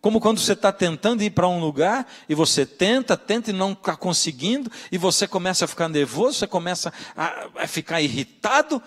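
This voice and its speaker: A man's voice: high voice, expressive, brisk, hardly any pauses. A man, a pastor preaching a sermon, telling stories and addressing listeners directly. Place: church. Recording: reverberant church hall.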